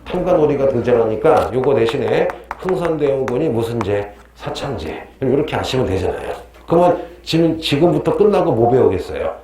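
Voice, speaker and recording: Animated male history teacher quizzing students. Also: medium pitch, a little fast, hardly any pauses, reverberant, slight background noise. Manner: quizzes students, jokes and laughs often. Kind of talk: lively classroom lecture with student banter. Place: classroom.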